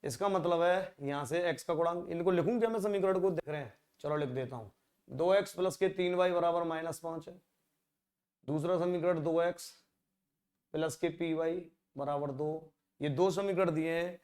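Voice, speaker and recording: A man with a slightly high voice teaches exam-prep maths at normal speed. Speaking conversationally to the class, he poses rhetorical questions and drops into a low mutter while working through the sums.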